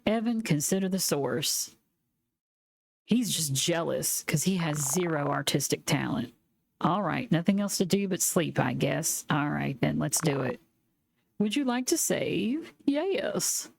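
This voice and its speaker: A woman streamer casually commenting while playing a game, with relaxed, joking asides. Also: deep voice, a little slow, vocal fry. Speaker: gaming streamer. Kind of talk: let's play commentary. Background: game music.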